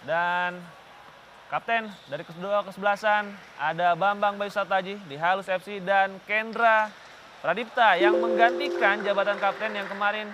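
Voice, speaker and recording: A man's voice: sits high, fairly even intonation, normal speed. A man giving live TV futsal commentary in a presenter's manner. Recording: clear venue noise behind commentary.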